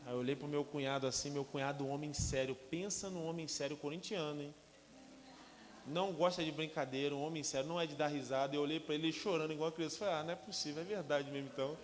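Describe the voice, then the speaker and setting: Lively pastor telling his testimony. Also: a little high, fast. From Rio de Janeiro, Brazil. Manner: lively storyteller, acts out dialogue. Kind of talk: sermon testimony. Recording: long hall reverb with faint hiss.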